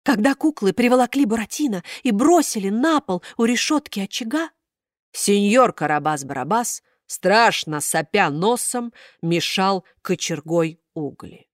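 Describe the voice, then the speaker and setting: A woman narrating a children's story in a lively, dramatic reading style. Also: mid-range voice, no echo, clean studio sound.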